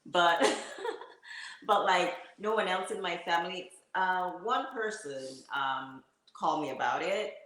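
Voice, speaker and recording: Deep-voiced Jamaican woman, very echoey room. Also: unhurried, fairly bright tone. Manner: laughs often between phrases. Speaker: guest. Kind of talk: casual interview chat.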